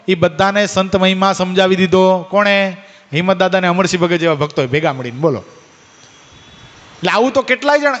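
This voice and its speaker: Male preacher, higher voice, quizzes the crowd by name, long reverb. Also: fairly bright tone. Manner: questions and teases listeners by name. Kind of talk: devotional discourse to a gathering.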